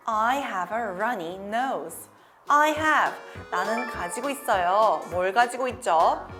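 A woman teaching English to children in a playful lesson, acting out being sick and saying English phrases slowly for kids to repeat. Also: sits high, a bit bright. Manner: slow, carefully enunciated English phrases for repeating.

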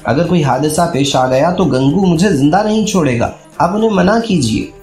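A man voicing a worried fort guard who reports in a hurried, anxious way, in an echoey room with faint music. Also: fairly high pitch, animated, darkish tone, natural voice.

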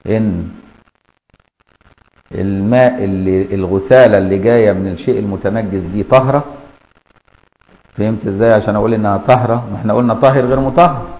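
Fast-talking Egyptian man teaching in an echoey room. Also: on the low side. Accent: Egyptian Arabic. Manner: explains step by step, often asks "got it?". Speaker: Islamic jurisprudence teacher. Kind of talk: colloquial classroom lesson. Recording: echoey, dull lo-fi room recording.

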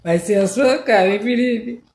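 A woman voicing a lovesick adult woman who leaves syrupy, drawn-out love messages for several men, in a comic sketch. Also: on the high side, a little mellow, roomy sound, close to an everyday voice. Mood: giddy. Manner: syrupy, cooing, drawn-out endearments.

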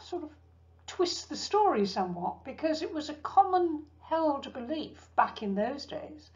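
A woman giving a history lecture, telling the story in a measured way with asides to her listeners. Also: high-pitched, very animated, a little mellow, dull audio. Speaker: cruise ship enrichment lecturer. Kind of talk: history lecture over slides.

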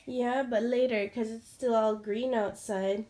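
A young Filipino-accented mother vlogging casually at home on a handheld phone, giddy and excitable and often slipping into a hushed whisper. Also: fairly high pitch, a little slow.

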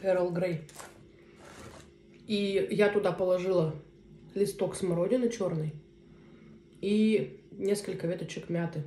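A woman in her thirties chats casually to viewers as a mukbang vlogger, talking in short, unhurried phrases with pauses as she eats. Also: fairly low pitch, steady tone, warm tone. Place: small indoor room at a table. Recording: roomy echo, faint noise, cutlery clinks. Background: cutlery and dishes.

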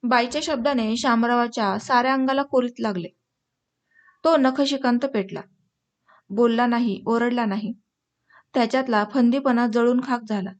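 A woman narrating an audiobook story in a measured, expressive reading voice. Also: fairly high pitch. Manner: measured, expressive reading, addresses listeners at the end.

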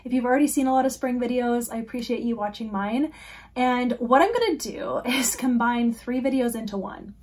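Woman book vlogger, fairly high voice, going hoarse, casual and giggly, slips into near whispers. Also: fairly quick, darkish tone. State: losing her voice. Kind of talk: casual chat to camera.

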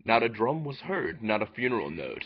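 On lo-fi audio, a man in his 20s, a vlogger, reads an old essay in a small room beside a window while a speech jammer trips him up. His lowish, husky voice has a sing-song lilt at a moderate pace, and he keeps stumbling, repeating words and breaking off mid-word to restart.

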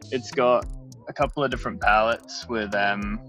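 Low-voiced mechanic explaining a tip. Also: male voice, fairly even intonation, normal speed, bright, forceful tone, faint music behind. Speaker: bike race mechanic. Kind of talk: casual how-to explanation.

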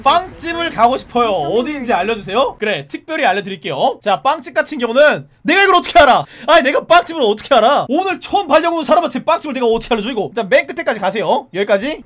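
High, lively Korean man streaming a game. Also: fast, few pauses. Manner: playful, animated, shouting commands at game characters. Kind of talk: live gameplay commentary.

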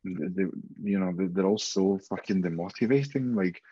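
Speaking from a home room over a video call, a man in his thirties from Spain gives a frank, casual interview, swearing freely. His low voice is warm and slightly rough, his accent Spanish, his speed normal, and the recording lo-fi.

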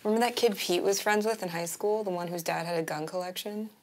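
A woman's voice: fairly low pitch, steady tone, fast talker, slight background noise, close to an everyday voice. An actress playing a young woman back home for the summer who speaks in a casual, dry way. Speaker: film character. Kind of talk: naturalistic indie film acting.

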